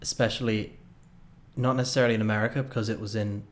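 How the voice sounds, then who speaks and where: Young guy co-host, relaxed joking podcast chat. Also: on the low side, fast talker. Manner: easygoing, joking, frequent "yeah".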